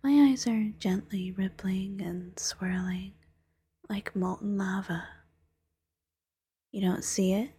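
A woman voicing a playful, teasing female demon who hypnotizes, in a soft-spoken, coaxing, whispery ASMR roleplay manner. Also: medium pitch, fairly even intonation, takes it slowly, long pauses. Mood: hypnotic. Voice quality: whispery, breathy.

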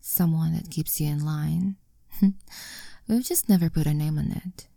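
Slow, gravelly, whispering young woman. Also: low voice, no echo, clean studio sound. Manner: soft, intimate, coaxing, commanding. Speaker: audio roleplay performer. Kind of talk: whispered ASMR roleplay.

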